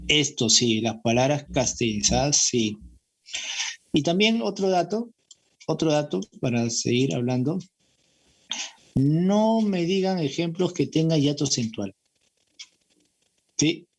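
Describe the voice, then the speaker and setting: A man's voice: fairly high pitch, expressive, unhurried, pauses often. A man with a Peruvian Spanish accent teaching an exam-prep grammar lesson in a classroom, repeating his points and checking in with students. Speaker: language teacher.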